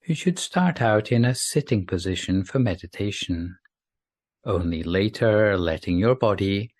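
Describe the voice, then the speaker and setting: A man with a low voice guides a sleep meditation at a slow pace, reading from a script. He sounds soothing, gentle and unhurried, and leaves long pauses. The recording has no echo.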